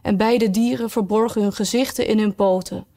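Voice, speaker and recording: A woman narrating a storybook in a calm, measured way. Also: mid-range voice. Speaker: audiobook reader.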